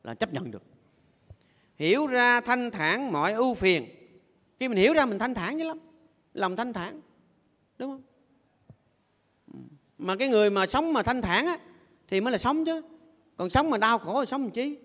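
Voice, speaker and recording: High-voiced older monk preaching in a hall. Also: male voice, expressive, normal speed, long pauses, a bit bright. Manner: playful, has the audience repeat phrases after him. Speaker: Buddhist monk giving a dharma talk. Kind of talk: sermon. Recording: long echoey hall reverb.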